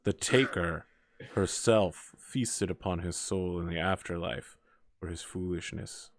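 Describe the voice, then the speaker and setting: Man doing a grave old armorer, very deep voice, dry close sound. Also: unhurried, dry recording. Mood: ominous.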